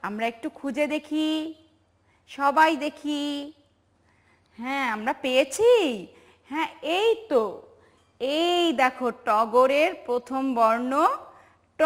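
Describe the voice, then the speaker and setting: High, slow-speaking Bangladeshi woman teacher. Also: a bit bright. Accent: Bangladeshi Bengali. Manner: slow, patient, drawn-out recitation with call-and-response questions. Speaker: pre-primary teacher. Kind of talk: televised home-learning lesson for young children.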